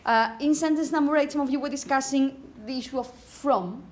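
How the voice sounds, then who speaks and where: A woman's voice: sits high, a little fast, a little hiss or hum. Woman teaching pronunciation in a classroom. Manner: patient, correcting pronunciation, checks with "okay?".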